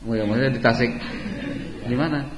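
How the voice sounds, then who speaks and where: A man's voice: mid-range voice, steady tone, fairly quick, crowd noise. Male teacher quizzing students in a hall. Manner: questions students directly, playful and teasing. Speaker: religious teacher at an Islamic boarding school. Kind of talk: interactive classroom lesson. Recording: roomy hall echo, dull lo-fi sound.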